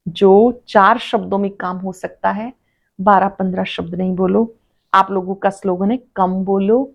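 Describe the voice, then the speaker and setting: A woman reading a devotional sermon as a spiritual teacher, slowly, repeating key phrases for emphasis. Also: mid-range voice, lo-fi sound.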